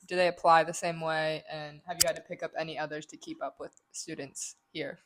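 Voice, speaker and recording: A young woman hosts a student podcast interview. Her voice is a little low for a woman. She asks her questions haltingly and pads them with filler words. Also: level tone, slight background noise. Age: young adult. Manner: hesitant questions full of "like" fillers. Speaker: podcast host.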